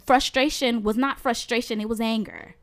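Animated woman retelling a relationship story. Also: on the high side, moderate pace. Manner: animated storytelling, acts out quoted voices. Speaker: podcast co-host. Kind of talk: casual relationship chat.

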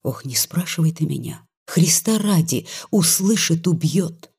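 A reader voicing a frightened young village woman who speaks in a hushed, worried way. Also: low voice, animated, measured pace, husky, exaggerated voice. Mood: fearful. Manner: hushed, fearful.

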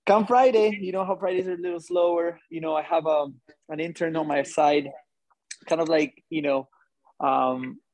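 A man telling a personal story to a live audience in an animated, conversational way, often checking in with listeners. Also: fairly high pitch, normal speed, dry recording.

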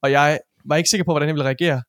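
A man's voice: a little high, fairly even intonation, fairly bright tone, no echo, studio quality. A young man co-hosting a casual podcast chat, joking and swearing freely. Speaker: podcast co-host.

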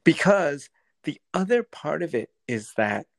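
A school district educator whose first language is Cantonese gives thoughtful interview answers, earnest and frequently restarting as he searches for words. His voice is on the high side, creaky, very animated and unhurried.

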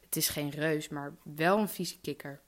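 A woman's voice: deep voice, fairly even intonation, measured pace. A woman voicing a spoiled young princess in a fairy tale, with eager, breathless pleading. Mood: anxious.

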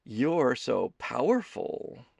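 A woman's voice: deep voice, sing-song, measured pace, no room sound, pitched above the performer's own voice, full character voice. A man voicing a theatrical young woman, a stage diva who teases and shows off. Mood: purring. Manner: showy, teasing.

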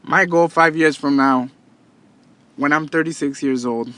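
Unhurried and with no echo around him, a man with a high, slightly bright voice speaks earnestly to his listeners. He's a podcast host and entrepreneur in his thirties giving a casual motivational monologue, repeating and restarting often.

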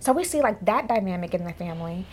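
A woman, co-hosting a casual reaction chat in a mid-range voice. She retells movie scenes in an animated way and acts out the characters' lines. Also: mid-range voice, fast, a little hiss or hum. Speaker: co-host.

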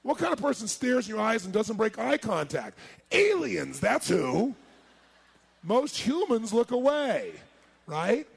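A man giving a sales seminar, firing rhetorical questions at his audience and swinging between loud and hushed delivery. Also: sits high, big pitch swings, unhurried, gravelly, breathy edge. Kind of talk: live seminar talk to an audience.

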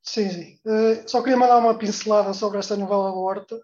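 A man's voice: high-pitched, steady tone, a little fast, a little mellow. A man calling in to give his opinion, indignant and emphatic, dropping "pá" as he talks. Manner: indignant, emphatic, uses "pá" and "epá". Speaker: caller. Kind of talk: phone-in opinion. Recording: dull lo-fi call audio.

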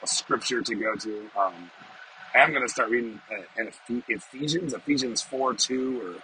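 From a small parked car, a podcast host offers a loose, unscripted devotional with prayer, his mid-range voice sharp and raspy from smoking, with the odd cough. Halting speech and repeated phrases drive his emphasis. The audio is poor, with slight background noise.

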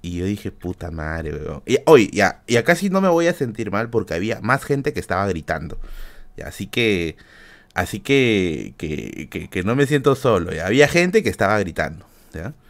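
A man's voice: on the low side, normal speed. A man with a Peruvian Spanish accent telling a story in a casual, comic way, swearing freely and dropping in fillers and tag questions. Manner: animated, profane, many fillers and tag questions. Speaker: podcast host.

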